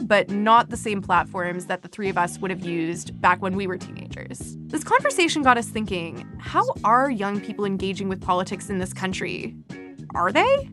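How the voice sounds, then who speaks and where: Wry young woman hosting a podcast. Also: medium pitch. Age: 20s. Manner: wry, casual, self-deprecating. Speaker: podcast host. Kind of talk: scripted podcast narration.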